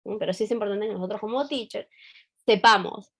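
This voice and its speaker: A woman's voice: mid-range voice, fairly quick, breathy edge. Chatty woman teacher. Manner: conversational, frequent fillers and tag questions. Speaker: English teacher. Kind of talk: online teacher training talk.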